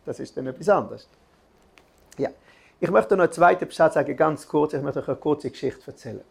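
A man's voice: a little high, a little fast, vocal fry, slightly rough. A man giving an earnest religious lesson, telling a story with restarts and filler sounds.

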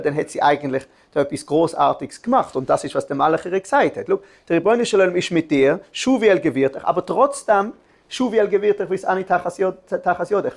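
A man's voice: a little high, gravelly. A man giving an earnest religious lesson, telling a story with restarts and filler sounds.

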